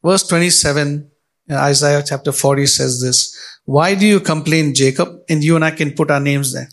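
A man's voice: a little high, normal speed. A middle-aged male pastor preaching a sermon in church, speaking straight to the congregation with rising and falling emphasis.

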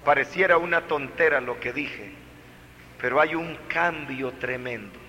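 A man preaching a sermon to families, emphatic and dramatic, with big swings from loud to soft. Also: mid-range voice, unhurried, big-room sound, a little hiss or hum.

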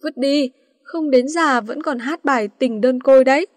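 A sharp-tongued young woman scolds with cool scorn in a storybook tale, read by a woman narrator. The voice is high and close-miked. The sound is dry. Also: normal speed, dry recording, lightly acted. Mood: scornful.

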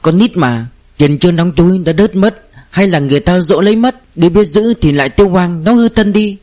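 Storybook part: a man playing a miserly rich lady, sweet and wheedling, a touch higher. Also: fairly quick, a little mellow, close to an everyday voice. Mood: coaxing. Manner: coaxing, wheedling. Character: stingy rich older landlady, sweet-talking.

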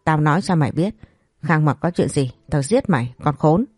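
Woman doing an enraged rich mother, cursing, deep dark voice, dry sound. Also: lively intonation, normal speed, breathy edge, no room sound, soft background music. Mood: furious. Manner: shrill scolding, cursing. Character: furious, hysterical rich middle-aged mother.

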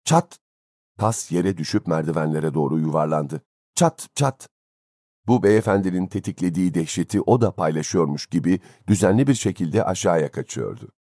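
A man reading a story aloud as an audiobook narrator, in a measured, expressive way. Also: low-pitched, dry recording, studio quality. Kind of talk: scripted narration.

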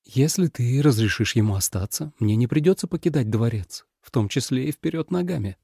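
A man voicing a calm, firm young man in an audiobook, speaking in a measured, cool and resolute manner. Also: mid-range voice, creaky, slightly rough, no room sound, clean studio sound. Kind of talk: audiobook character voice.

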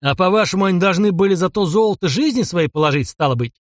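A man's voice: sits high, expressive, quick pace, dry recording, clean studio sound, pitched above the performer's own voice. A man voicing a stout, stern village constable who barks questions, in an audiobook. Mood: interrogating. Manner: barking, interrogating.

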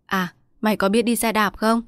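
A woman's voice: mid-range voice, fairly even intonation, normal speed, a bit bright, clean tone, no echo, studio quality, close to an everyday voice. A woman storyteller voicing a district chief's wife, an indulgent mother who coaxes her child and bosses her servants. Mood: commanding. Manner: coaxing, bossy to servants.

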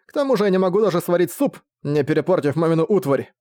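A man's voice: a little high, expressive, quick pace, dark tone, no echo, clean studio sound, pitched above the performer's own voice, close to an everyday voice. A man voicing a pushy young man who keeps begging his younger brother for a favor in a wheedling, whiny way.

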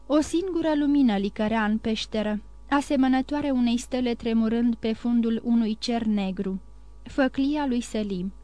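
Brief: female audiobook narrator, higher pitch, measured and expressive. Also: no echo. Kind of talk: scripted literary narration.

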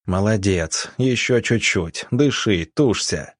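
A man's voice: on the low side, expressive, slow pace, no echo, clean studio sound. A man voicing a firm young country doctor giving curt, decisive orders in an audiobook. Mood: commanding.

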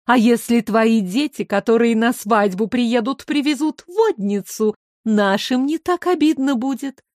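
A woman's voice: on the high side, a little slow, no room sound, studio quality, close to an everyday voice. A woman voicing a motherly female water spirit who soothes and teases, in a storybook reading. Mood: teasing. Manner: soothing yet sharp-tongued.

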